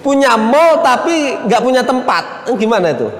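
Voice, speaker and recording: A man's voice: extremely high pitch, very animated, normal speed. A middle-aged man preaching at a mosque study session in a chatty style, often calling out to the audience and laughing. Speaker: Islamic preacher. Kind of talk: lively mosque study talk. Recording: roomy, reverberant mosque hall.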